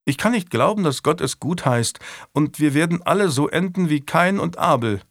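A man's voice: fairly high pitch, animated, normal speed, no room sound, clean studio sound, voice pushed up. Man voicing a polite young squire, raised voice. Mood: earnest. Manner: courteous, worried.

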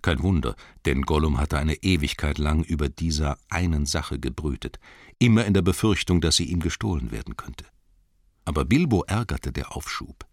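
A male narrator reading a fantasy story aloud in an expressive, dramatic style. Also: a bass voice, no room sound, clean studio sound. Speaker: audiobook narrator. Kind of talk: audiobook reading.

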